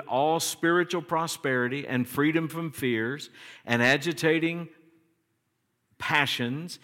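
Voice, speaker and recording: A man preaches in an Appalachian accent, his voice ringing with the long reverb of a hall. He teaches at a slow, deliberate pace, leaning on key words and stretching them out for emphasis. His pitch sits in an ordinary male middle range. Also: sharp tone. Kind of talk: sermon, teaching to a congregation.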